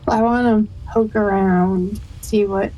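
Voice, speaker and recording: A woman's voice: medium pitch, fairly even intonation, slow, mellow, low-quality recording. A woman chatting casually as a tabletop game player, thinking aloud.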